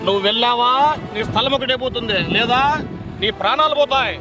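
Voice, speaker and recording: An actor playing a menacing land grabber who talks in a commanding, threatening way. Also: male voice, extremely high pitch, brisk, music in the background. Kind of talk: short film acting.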